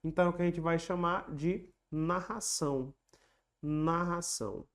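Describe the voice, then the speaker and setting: A teacher works through exam questions online with patience, stating every rule more than once and chanting rhyming mnemonics to fix them in mind. The voice is middle-pitched with a darkish tone.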